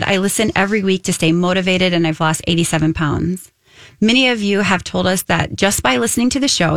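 Low-voiced woman co-hosting a radio show. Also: creaky, dry recording. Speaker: radio co-host, nutritionist.

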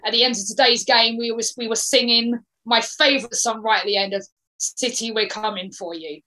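On a relaxed football podcast, a female guest speaks as a passionate, emphatic supporter of her team. Her fairly high voice is bright and forceful, brisk, with fairly even intonation, and the recording is rough.

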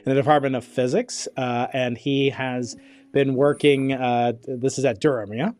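A man's voice: medium pitch, steady tone, moderate pace, a little mellow, soft background music. A middle-aged man hosting a podcast interview, chatting loosely with lots of fillers and restarts. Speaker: podcast host. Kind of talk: casual interview chat.

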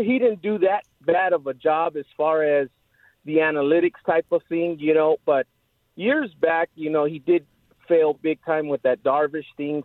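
A man's voice: on the high side, no room sound. Man calling in over a tinny phone. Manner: rambling, leans on "you know". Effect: heard over a phone line. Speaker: radio call-in caller. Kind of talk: casual call-in chat.

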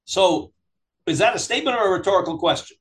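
A man teaches a Talmud class as a rabbi, reading aloud and explaining in an animated, questioning way. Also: sits high, fast, reverberant. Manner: animated, questioning, acts out examples in dialogue. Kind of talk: interactive text lesson, reading aloud and explaining.

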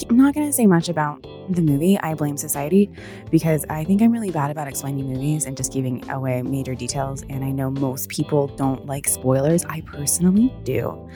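A woman's voice: deep voice, dark tone. A woman hosting a podcast with a stuffy nose, chatting casually in a naturally sarcastic-sounding way and swearing freely. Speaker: podcast host.

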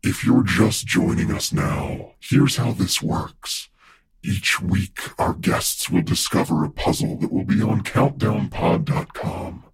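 An actor playing a spooky disembodied male captor voice who speaks in a slow, measured, ominous way. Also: low-pitched, breathy edge, exaggerated voice. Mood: menacing. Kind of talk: audio drama acting.

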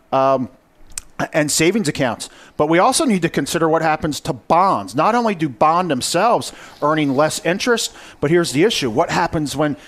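A man co-hosting a financial radio show, steadily explaining with figures. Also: on the high side.

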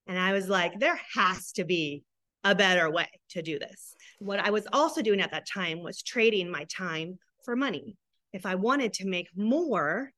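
An eager, heartfelt woman speaks as a podcast guest, sharing her story with open warmth. Her voice sits at an ordinary middle pitch. The recording is close and dry, with no room sound. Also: no room sound. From Arizona, USA. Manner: warm, emotional, tearful while telling her story; enthusiastic, upbeat. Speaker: guest, business coach for moms. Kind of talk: casual podcast interview.

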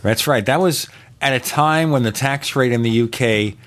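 Guy hosting a chatty podcast, mid pitch, easygoing, agrees a lot. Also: normal speed, a bit bright. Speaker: podcast host. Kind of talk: casual interview chat.

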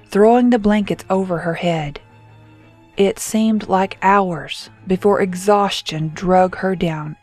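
A woman reading a scripted horror story in a slow, measured way, drawing out the suspense. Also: fairly low pitch, a little mellow. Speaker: narrator.

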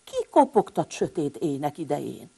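A woman voicing the youngest little boy hedgehog in a storybook tale, loud and exclaiming, with a husky voice. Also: low-pitched, big pitch swings, exaggerated voice. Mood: frightened.

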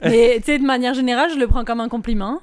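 A woman's voice: on the high side, fast. A woman from southern France with a southern French accent, chatting casually as a guest and explaining things patiently. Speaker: guest youtuber. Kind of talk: casual chat.

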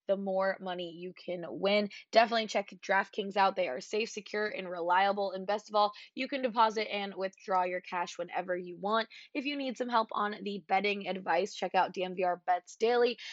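A woman hosts a scripted sponsor read, moving briskly through offers and fine print. Her voice sits at a middle pitch. The sound is very dry and a little lo-fi. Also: fairly bright tone, no echo. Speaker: host reading a sponsor ad.

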